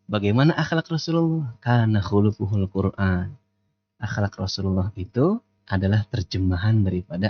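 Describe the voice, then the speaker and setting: Joking man preaching, lo-fi sound. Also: fairly low pitch. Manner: lively, joking, asks the audience questions. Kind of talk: casual sermon.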